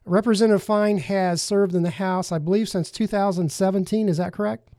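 A man hosting a talk show, speaking earnestly and pausing with fillers and restarts. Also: sits high, steady tone, mellow, no echo, clean studio sound. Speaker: host.

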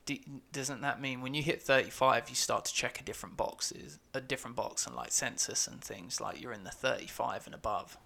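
A man's voice: mid-range voice, steady tone, a little fast, vocal fry, hardly any pauses, bright, forceful tone. An English man in his thirties co-hosting a podcast in casual, joking, teasing banter. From England. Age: 30s. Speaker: podcast co-host. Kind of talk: casual chat.

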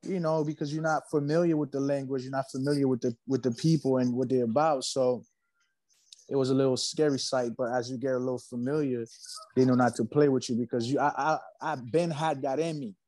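A man's voice: medium pitch, steady tone, fairly quick, a little mellow, no echo, rough recording. A man from Haiti, a musician guest, talking casually in an interview, laid-back and slangy, often repeating himself.

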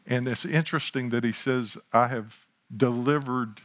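A man's voice: mid-range voice, fairly even intonation, moderate pace, fairly bright tone. A man, praying and then preaching informally, with chuckling asides and restarts. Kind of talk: sermon with opening prayer.

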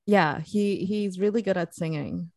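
Teasing woman podcast host, lower voice. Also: a little slow, mellow, dry recording. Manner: teasing, laughing often. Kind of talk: casual podcast chat.

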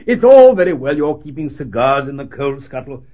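An actor playing a fussy, exasperated English army doctor in a radio drama, with a husky voice. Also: male voice, mid-range voice, sing-song, moderate pace, narrow, tinny audio, natural voice.

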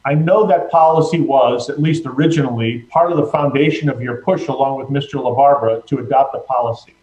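A man speaking formally in front of an audience at a board meeting, deliberate and challenging, as a trustee questioning a colleague. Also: medium pitch, darkish tone, muffled recording. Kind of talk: formal remarks at a public meeting. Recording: echoey room.

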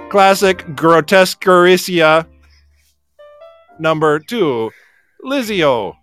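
A man putting on a robot voice to play a female AI program that reads out numbered lists in a slow, measured way. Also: high voice, fairly bright tone, voice pushed up, heavily acted.

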